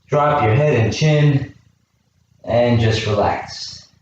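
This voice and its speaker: A youth fitness coach with a mid-range, slightly mellow voice leads kids through a home workout, slowly counting reps aloud and asking encouraging questions. He's in an indoor room with a chair, captured by a distant camera mic in a very echoey space with faint noise and dull audio.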